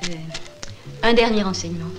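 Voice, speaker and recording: A woman's voice: medium pitch, a little fast, lightly acted. Woman playing a cool, defiant female adventurer. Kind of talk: dubbed film drama acting. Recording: music behind the voice.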